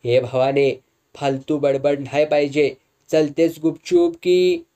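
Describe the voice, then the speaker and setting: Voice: medium pitch, animated, unhurried, mellow, natural voice. A storyteller voicing a crude, domineering male politician who bullies and threatens. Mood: sneering. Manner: abusive, sneering.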